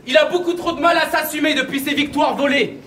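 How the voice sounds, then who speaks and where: At a live battle rap event, a man raps a cappella, throwing brash, taunting punchlines in a very high-pitched voice that keeps fairly even intonation and moves fairly quickly. A distant mic catches the echoey venue along with crowd noise, reactions and laughter.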